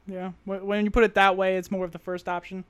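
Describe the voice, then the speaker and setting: A man who is a guest on a casual podcast chat, soft-spoken, mostly giving brief replies and asking a few questions. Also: sits high, flat delivery, quick pace, a crowd in the background.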